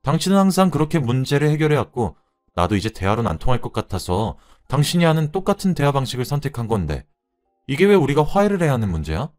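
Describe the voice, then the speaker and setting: A man voicing a furious, fed-up young wife who shouts and mocks her husband. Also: lowish voice, lively intonation, fairly quick, soft background music, natural voice. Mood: cold, accusing. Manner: shouting, scornful, biting.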